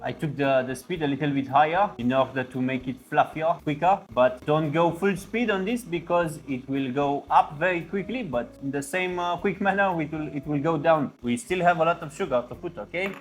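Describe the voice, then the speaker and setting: A man playing an excitable French chef with a French accent, giving a casual, exclamatory step-by-step cooking tutorial. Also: a little high, moderate pace, few pauses, faint music behind, close to an everyday voice. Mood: instructive, encouraging. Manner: exclamatory, sprinkles in French interjections and kitchen sound words. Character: excitable French chef, a man, teaching soufflé with fussy delight. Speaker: cooking show presenter.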